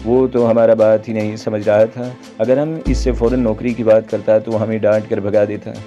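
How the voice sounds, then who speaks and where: A man's voice: on the low side, level tone, normal speed, warm tone, muffled recording, faint music behind, natural voice. A man voicing a nervous, humble night watchman. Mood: pleading. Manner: broken, ungrammatical plural speech.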